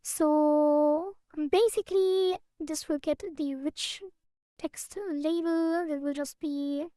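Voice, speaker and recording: A woman's voice: high-pitched, steady tone, slow pace, warm tone, dry recording, studio quality. A woman streaming her game development, thinking aloud in half-sentences as she works. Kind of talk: casual livestream while coding.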